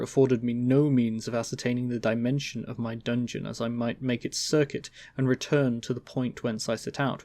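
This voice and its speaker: A man giving a theatrical dramatic reading of a gothic horror story as narrator, with emphatic swells and drawn-out phrases. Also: medium pitch, a little mellow, dry recording.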